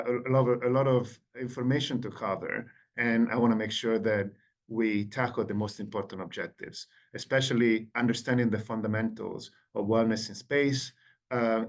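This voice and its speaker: A man in his forties with an Italian accent gives an online lecture over a video call, his voice sitting on the low side. He keeps the audience involved by putting questions to them and reading out their answers. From Italy. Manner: engaging, quizzes the audience. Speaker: guest lecturer.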